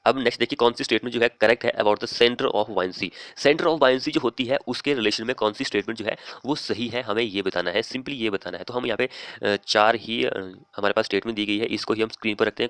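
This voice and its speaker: A male teacher reading exam questions aloud slowly and explaining each answer in a plain, steady way. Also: mid-range voice, clear, resonant tone, no room sound. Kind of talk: screen-recorded exam lesson.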